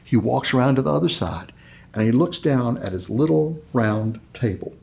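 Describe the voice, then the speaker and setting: A man's voice: medium pitch, animated, normal speed, vocal fry, darkish tone. A man hosting a leadership show, giving a motivational talk and telling a story dramatically. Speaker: host, leadership speaker.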